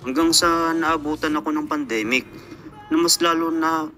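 A man's voice: fairly high pitch, steady tone, normal speed, pushed and bright, soft background music. A young Filipino man, an overseas worker, telling his life story in a reflective, earnest voice-over. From Philippines.

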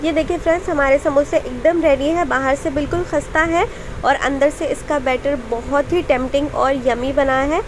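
A woman's voice: high voice, moderate pace, a little hiss or hum, rough recording. A woman hosting a cooking channel, narrating a recipe step by step in a voice-over with friendly tips for viewers.

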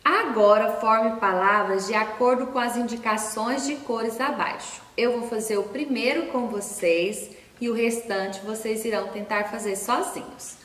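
A woman teacher giving a recorded class to young children, spelling out letters and syllables slowly and patiently, asking questions and then answering them herself. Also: on the high side, fairly even intonation, fairly bright tone. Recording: echoey room, distant from mic.

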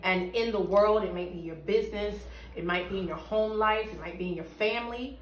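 A woman speaks briskly at medium pitch, sharing an earnest, emphatic church testimony for an interview. She's seated in a small room with bare walls, where the mic, a few feet off near the camera, captures echo.

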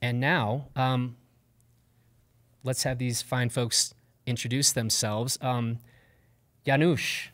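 A man's voice: medium pitch, steady tone, slow pace, long pauses, fairly bright tone. A man moderating a live panel, introducing guests in a loose, upbeat way with plenty of fillers, seated at a table on stage. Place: stage before a live audience.

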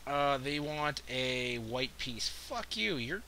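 A man's voice: mid-range voice, lively intonation, slow, sharp tone, a little hiss or hum. A young man talking casually over a strategy game he is playing, swearing and griping at the game. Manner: swearing, exasperated outbursts at the game. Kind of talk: casual gameplay commentary.

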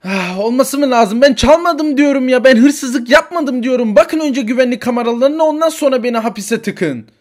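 Man doing a distraught toy-story mother, raised voice, pleading, insists she's innocent, high and swooping. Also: lively intonation, normal speed. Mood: indignant. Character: distraught mother accused of theft, woman. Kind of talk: toy figure story role-play.

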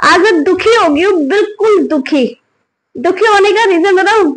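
A young mother with a high, light voice vlogs at home late at night. She is hungry and worn out and talks to the camera in a weary, frustrated way, recorded on a phone on a tripod. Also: moderate pace, rough recording. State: hungry and tired. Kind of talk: casual home vlog. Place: home bedroom and kitchen at night.

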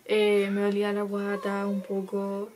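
A woman's voice: medium pitch, monotone, unhurried, darkish tone. Chilean teen girl just chatting to her camera, laughs a lot, faint room hum behind. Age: teenager, 15. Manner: chatty, laughs often, acts out quotes. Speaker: vlogger. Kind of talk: casual storytelling to camera.

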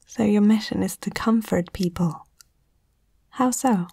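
In a comforting ASMR roleplay, a woman whispers tenderly and breathily at a measured pace, her medium-pitched voice close to the mic. The recording has no room sound, and her tone is gently reassuring.

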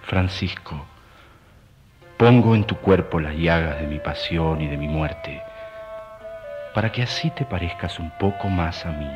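An actor playing the solemn divine voice of Christ in a radio serial. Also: male voice, low voice, a little slow, long pauses. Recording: dull sound under clear music.

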